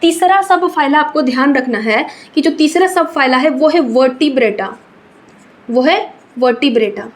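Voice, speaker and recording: A young woman teaching an exam-prep biology lesson, slowly repeating key terms and checking in with her students. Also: high-pitched, expressive.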